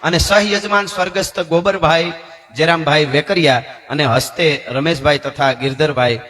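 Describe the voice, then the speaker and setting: Recorded in an echoing hall with faint music, a folk storyteller speaks from the stage at a dayro. His voice is on the high side and fairly bright, at a moderate pace, and his manner is earnest and chatty, with asides.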